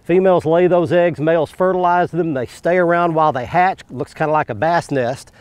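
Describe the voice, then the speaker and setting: A man's voice: on the high side, fairly quick, no room sound. Dry-sounding male fishing host on a lake. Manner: explanatory, bursts into excited asides on catches. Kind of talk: on-the-water fishing instruction. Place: outdoors on a boat on a lake.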